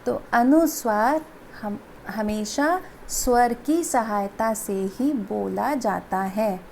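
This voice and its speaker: A woman's voice: on the high side, a little hiss or hum. A woman teacher giving a patient lesson to children, repeating examples and checking that they understand. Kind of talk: classroom Hindi lesson.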